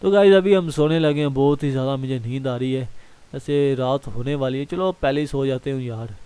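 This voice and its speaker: A man's voice: mid-range voice, brisk, dark tone, smooth, no room sound, natural voice. A man voicing a chatty, laid-back young man in a fan game role-play, talking to viewers now and then. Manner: chatty, uses "yaar" a lot, talks to viewers.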